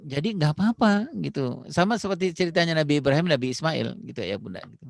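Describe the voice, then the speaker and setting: A man's voice: fairly high pitch, lively intonation, fast, vocal fry, dry recording. A man speaking on parenting in a casual, explanatory way, dropping frequent fillers and acting out little dialogues. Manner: explains with many "gitu" fillers, acts out phone dialogues.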